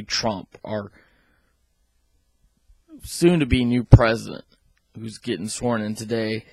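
A man's voice: mid-range voice, a little hiss or hum, rough recording. A man in his thirties, a video blogger speaking a little oddly after oral surgery, giving an indignant, opinionated rant to camera. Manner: indignant, rhetorical questions. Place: small room at home. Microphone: handheld microphone close to the mouth.

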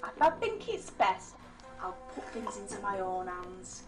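An actress playing a sly, sinister older care-home worker, chatty and sweetly menacing. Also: female voice, medium pitch, sing-song, a little slow, distant mic, over music. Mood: gleefully chatty. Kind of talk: horror game acting.

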